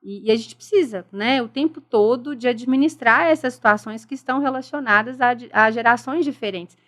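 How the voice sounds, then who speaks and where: A middle-aged school director with a Brazilian Portuguese accent guests on a casual podcast interview, speaking earnestly and reflectively about respect and dialogue. Her voice is fairly high, fairly quick and fairly bright.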